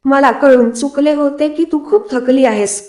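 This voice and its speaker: A woman's voice: high voice, moderate pace, darkish tone, echoey room, natural voice. A woman voicing a bossy, blunt rich young man in a spoken story, talking in a curt, scolding way. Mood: chiding.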